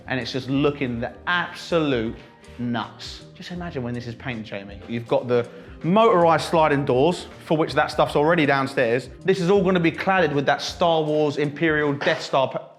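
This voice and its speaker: A man's voice: a little high, moderate pace, soft background music. A British man hosting a casual vlog tour of a building under renovation, talking in an enthusiastic, jokey, exclamatory way. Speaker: vlog host.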